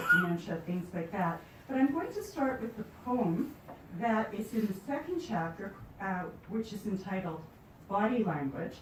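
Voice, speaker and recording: A woman's voice: medium pitch, darkish tone, a little hiss or hum. A woman poet from Canada, chatting with a live audience and telling stories with light humor before reading her work. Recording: echoey room, distant mic, faint ambience.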